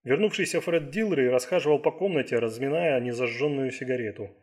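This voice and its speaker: A man narrating an audiobook thriller in a steady, measured reading. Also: mid-range voice, husky. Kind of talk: scripted narration.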